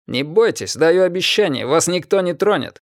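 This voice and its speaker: A man doing a gruff, hot-tempered militia boss. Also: a little high, animated, moderate pace, no echo, clean studio sound, pitched above the performer's own voice, close to an everyday voice. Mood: commanding. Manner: gruff, threatening, barking orders. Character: brash tough male militia leader, quick-tempered. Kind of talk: audiobook character voice.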